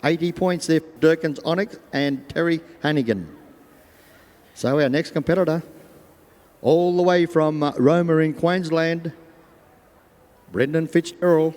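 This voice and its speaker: A man with an Australian accent announces live sport in a folksy, chatty manner. His voice sits a little high and rings with long reverb from the stadium loudspeakers. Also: measured pace, pauses often. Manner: folksy, voices imagined thoughts of riders and animals. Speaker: arena announcer. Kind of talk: live sport commentary over public address. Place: large show arena over loudspeakers.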